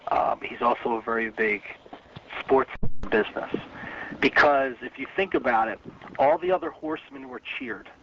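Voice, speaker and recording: A man with a gravelly voice, a wrestling insider chatting casually and giving opinions in an interview. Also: medium pitch, big pitch swings, normal speed. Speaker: interview guest from the wrestling business. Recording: muffled phone interview, faint noise.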